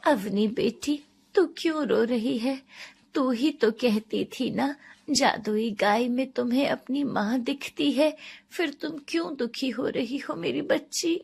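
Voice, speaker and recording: A woman voicing a kind, devout old grandmother in a cartoon story, speaking gently. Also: high-pitched, measured pace, creaky, husky, heavily acted. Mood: gentle pleading. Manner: gentle, pleading.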